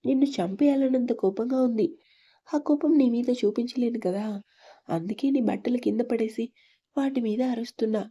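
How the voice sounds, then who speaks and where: A hot-tempered young woman snaps and accuses in a read-aloud love story, as a female narrator puts her on. The voice is a touch high but very dark and mellow, with none of the brightness a shrill quarrel might suggest. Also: normal speed, husky. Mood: angry.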